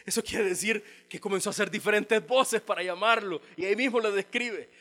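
A man preaches with a high, bright voice. He acts out the people in the story as he tells it, in a lively storytelling manner. His sermon is delivered in a church auditorium. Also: a little fast. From El Salvador. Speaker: pastor.

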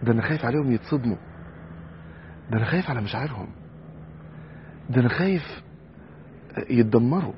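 A man with an Egyptian accent preaching a sermon, telling a story and moving from soft asides to loud exhortation. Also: mid-range voice, lively intonation, quick pace, long pauses. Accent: Egyptian Arabic. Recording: dull lo-fi sound with faint noise.

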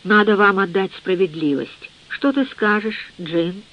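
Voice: medium pitch, unhurried, lightly acted. A narrator voicing a blunt, stammering young male sailor in an audiobook reading, on a dull lo-fi recording.

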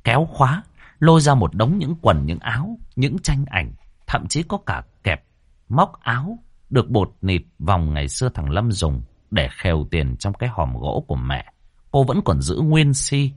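A man narrating a ghost story in an expressive, dramatic way, close to the microphone. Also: fairly low pitch, normal speed, slightly rough, no room sound.

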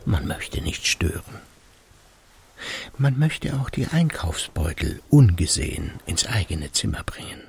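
An actor voices a brooding, retired husband in his sixties who drinks in secret, muttering an evasive, halting monologue in a gravelly radio-drama voice that often sinks to near whispers. His pitch sits on the low side but swings widely, and the performance is heavily acted. The mood is furtive and muttering.

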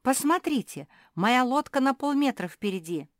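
A woman's voice: high voice, sing-song, normal speed, no echo, pitched above the performer's own voice. A bossy older sister pug from a storybook, indignant and demanding, with a raised voice that a woman puts on. The sound is dry and close.

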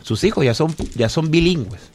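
Gravelly man telling stories on radio. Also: fairly high pitch, lively intonation, moderate pace, a little mellow. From immigrant living in Spain. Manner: loose, storytelling, repeats words. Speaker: musician guest. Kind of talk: casual radio interview chat. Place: radio studio.

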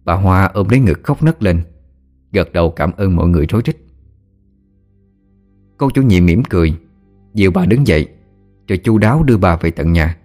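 Male audiobook narrator, very low voice, faint music behind. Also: moderate pace, long pauses. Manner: steady storytelling. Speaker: story narrator.

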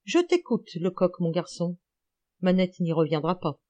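A woman reading an audiobook, voicing an elderly, gouty male amateur detective who is excited, teasing and lecturing. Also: fairly low pitch, measured pace, muffled recording. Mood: eager.

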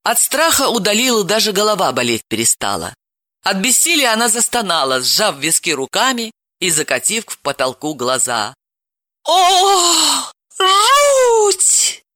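A woman narrating a novel as an audiobook reader in an expressive, lively way. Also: fairly low pitch, moderate pace, dry recording, studio quality. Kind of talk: scripted narration.

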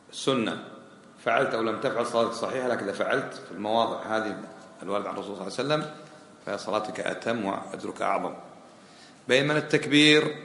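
A man's voice: on the low side, fairly bright tone. A man teaching a colloquial lesson on prayer rulings, questioning his students and repeating key phrases. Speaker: sheikh teaching a fiqh lesson. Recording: echoey hall with faint ambient noise.

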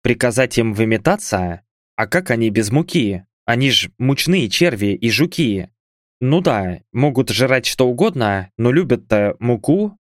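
A man's voice: mid-range voice, very animated, unhurried, no echo, clean studio sound. A man reading a first-person fantasy audiobook with wry, conversational asides. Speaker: audiobook narrator.

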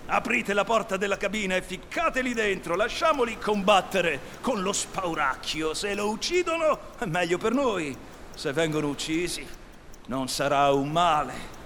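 A man voicing a menacing, imperious pirate captain in a read-aloud story on the radio, with barking, high-pitched bluster. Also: lively intonation, moderate pace, fairly bright tone, big-room sound, a little hiss or hum. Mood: scheming.

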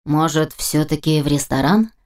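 A woman voicing a reckless, cheerful male getaway driver who talks low and stubborn in an audiobook. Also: moderate pace, a little mellow, close to an everyday voice. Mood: gruff.

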